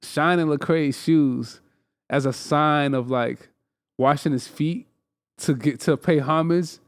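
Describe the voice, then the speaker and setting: Male podcast host, fairly high voice, casual and animated, piles up repeated words. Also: takes it slowly, clean tone. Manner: animated, repeats words when making a point. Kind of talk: casual chat.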